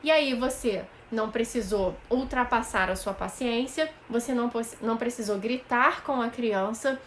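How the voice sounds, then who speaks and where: A woman's voice: fairly high pitch, moderate pace, slight background noise. A woman with a Brazilian Portuguese accent, a child psychologist on a live stream, patiently explaining practical parenting tips and often checking in with her viewers. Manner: addresses viewers directly, often checks in with "right?". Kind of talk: live stream advice talk.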